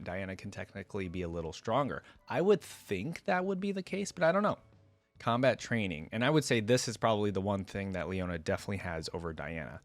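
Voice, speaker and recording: In a recording with no echo, a man with a fairly low voice hosts a reaction video. He mixes casual, enthusiastic fan commentary with reading wiki text aloud.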